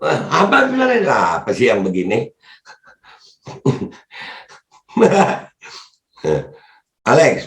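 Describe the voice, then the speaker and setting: A man talks in a casual, mocking way. His pitch sits in the middle and jumps up sharply whenever he teases. The recording has a noticeably echoey, roomy sound. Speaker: political commentary vlogger reading comments. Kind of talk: casual Jakarta-slang commentary.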